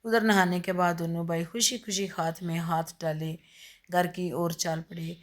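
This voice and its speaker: A woman narrating a story in an earnest, gently dramatic way. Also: on the low side, steady tone.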